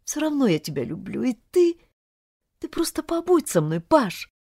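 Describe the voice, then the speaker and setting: Woman reader doing a young girl pleading and teary, high voice swinging all over, dry close sound. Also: sing-song, normal speed, vocal fry, mellow, no room sound, heavily acted. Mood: tearful. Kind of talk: audiobook character voice.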